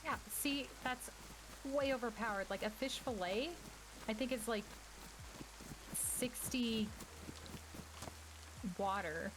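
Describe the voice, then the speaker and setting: A woman's voice: a little high, slow, pauses often, background noise. A woman streaming a survival game with friends, chatting casually and explaining things with lots of filler words. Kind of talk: casual gaming chat.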